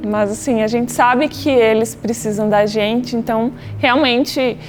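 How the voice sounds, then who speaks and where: A woman in her thirties with a Brazilian accent, a health worker calmly telling her story in a documentary interview. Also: fairly high pitch, measured pace, over music. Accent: Brazilian Portuguese. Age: 30s.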